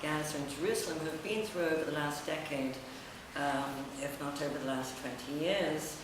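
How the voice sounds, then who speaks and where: In a noisy, heavily echoing indoor room, a middle-aged writer and editor gives a semi-improvised public talk about her own essay. Her voice is low-pitched and she pauses often, recorded from far away.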